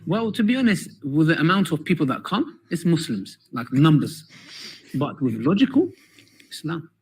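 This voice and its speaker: Husky man answering an interview question. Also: a little high, sing-song, moderate pace. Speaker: interviewee in a played clip.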